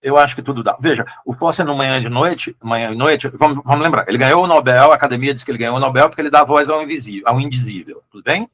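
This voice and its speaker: A Brazilian man, a literary translator, talking through his choices in a relaxed interview, with frequent restarts and questioning tags. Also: mid-range voice, fast talker, few pauses. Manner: thoughtful, hesitant, many restarts and "né?" tags. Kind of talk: casual conversational interview.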